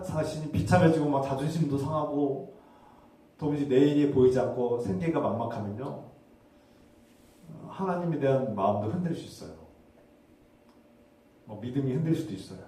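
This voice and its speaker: A man preaches in a mellow voice, pressing his listeners with rhetorical questions. The sound booms around a big, reverberant church hall and the mic sits well away from him. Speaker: pastor. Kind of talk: sermon. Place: church sanctuary. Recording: very echoey hall, heard from a distance.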